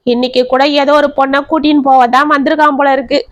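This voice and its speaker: A woman voicing a chatty middle-aged male auto-rickshaw driver who talks fast in colloquial speech. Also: high-pitched, level tone, close to an everyday voice. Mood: gossiping.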